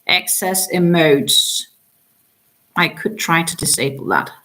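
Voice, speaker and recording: A low-pitched, pushed and bright female voice with lively intonation moves at a slow pace. She's a chatty crochet livestream host, a native Danish speaker worn out from a long day, chatting casually with plenty of ums and stop-start sentences that trail off.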